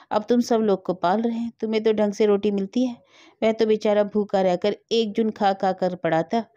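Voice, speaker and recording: Woman reading a sad family story aloud, mellow and dry, a bit dull sounding. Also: medium pitch, no echo. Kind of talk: scripted story narration.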